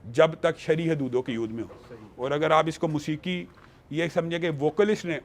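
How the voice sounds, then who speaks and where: A man with a fairly high voice, speaking earnestly as he explains a religious ruling in conversation. He reasons step by step, turns to scripture and slows down to quote it. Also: slight background noise. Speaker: religious scholar.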